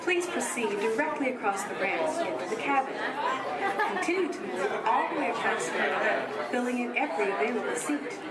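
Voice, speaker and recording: A woman's polite, measured voice comes over the intercom with a boarding and safety announcement. It booms through a big echoey hall and reaches the mic from a distance. A dense crowd chatters underneath. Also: lively intonation. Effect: over the intercom, public address loudspeaker. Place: large indoor queue hall. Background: crowd of visitors chattering.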